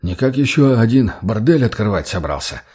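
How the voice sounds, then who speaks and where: A man voicing a fat, obsequious slave trader who fawns and placates in a raised, drawn-out voice. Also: big pitch swings, darkish tone, breathy edge. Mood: fawning. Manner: wheedling, placating, higher and slower.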